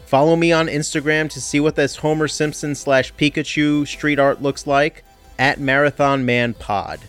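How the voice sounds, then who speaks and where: During a heat wave, a male podcast host talks from under a blanket at home, offering a chatty, self-deprecating update that sounds muffled and dry. His voice leans high, with a steady tone, normal speed, and a fairly bright quality, while faint music plays behind him.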